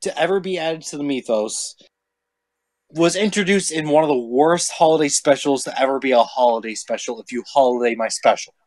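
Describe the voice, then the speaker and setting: A man hosting a casual chat on a voice call, joking and sarcastic with quick comebacks. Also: on the high side, darkish tone, no echo. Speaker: podcast host.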